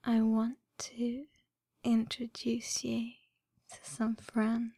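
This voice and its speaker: A woman voicing a seductive, adoring dream woman in a sultry, intimate whispered role-play, with breathy narration. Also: a little high, monotone, drawn-out words, mellow, dry recording, clean studio sound, heavily acted. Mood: sultry, soothing.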